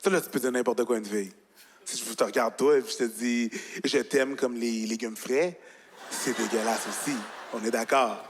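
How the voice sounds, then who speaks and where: A young man with a Quebec French accent doing an animated stand-up set on a large gala stage, talking straight to the audience. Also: mid-range voice, brisk, a little hiss or hum. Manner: animated, chatty, addressing the audience directly. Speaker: stand-up comedian. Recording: reverberant live hall, faint ambience.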